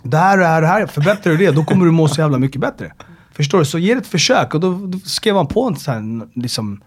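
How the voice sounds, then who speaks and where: Animated storytelling man, fairly high voice. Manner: animated storyteller who swears and acts out dialogue. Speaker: personal trainer guest. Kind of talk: casual podcast chat.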